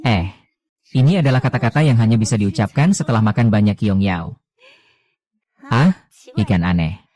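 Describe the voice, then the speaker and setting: A man reading the dialogue of a dubbed drama, voicing every role in one even, low-key delivery. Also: moderate pace. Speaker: voice-over reader of a drama.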